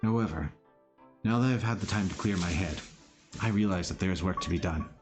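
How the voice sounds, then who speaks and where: A man voicing a raspy, teasing young village leader and father figure in a visual novel, with a dry manner. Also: low-pitched, fairly quick, over music, lightly acted. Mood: reflective. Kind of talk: visual novel character acting.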